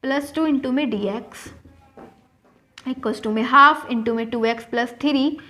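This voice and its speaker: A woman's voice: high voice, slow, pushed and bright. A woman teaching a maths lesson step by step, asking and then answering her own questions as she works. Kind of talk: board-work maths lesson.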